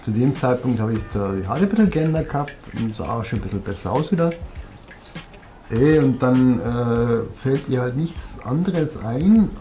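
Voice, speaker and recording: Filmed close up by a fixed camera on his leather living-room sofa, this man in his forties shares a personal story. He's a southern German vlogger with a Bavarian accent, blunt and reflective, rambling and full of fillers, speaking in a mid-range voice with a darkish tone.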